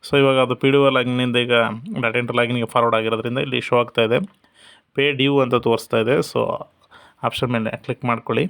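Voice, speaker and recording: A man narrating a step-by-step software walkthrough in a steady instructional manner. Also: mid-range voice, fast. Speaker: software tutorial presenter. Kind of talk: screen-recorded software walkthrough.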